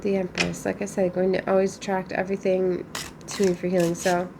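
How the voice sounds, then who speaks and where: A woman's voice: fairly low pitch, completely flat delivery, brisk, vocal fry. Musing woman reading tarot, faint background noise. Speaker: tarot reader. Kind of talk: casual spiritual tarot reading, chatty.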